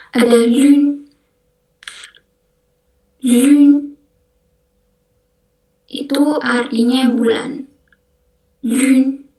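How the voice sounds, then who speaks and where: A young woman teaching a beginner online language class, explaining slowly and patiently and repeating each word carefully. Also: a little high, reverberant, rough recording. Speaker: French language mentor.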